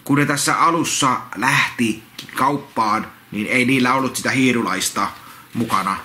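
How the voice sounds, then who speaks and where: A man reads a children's picture book aloud and keeps drifting into rambling, repetitive commentary full of false starts. His voice is bright and forward. The room is echoey, with faint noise underneath. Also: medium pitch. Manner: repetitive, halting, full of restarts and asides. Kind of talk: casual read-along with rambling commentary. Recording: roomy echo, faint background noise.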